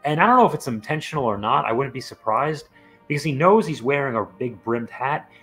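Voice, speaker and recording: A man's voice: medium pitch, lively intonation, a little fast, fairly bright tone, soft background music. A male wrestling show co-host chatting casually and analytically, with enthusiasm and appreciation.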